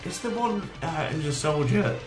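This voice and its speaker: A man's voice: a little high, lively intonation, moderate pace, reverberant, over music. A man co-hosting a podcast in casual chat, wry and joking, laughing often. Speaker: podcast co-host.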